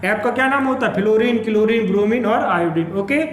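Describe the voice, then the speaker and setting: ऊँची आवाज़ वाला शिक्षक. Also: male voice, high voice, a little fast, fairly bright tone, reverberant. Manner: repeats each term and keeps asking "क्या पढ़ेंगे?". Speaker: chemistry teacher. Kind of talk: classroom lecture with call-and-response questions.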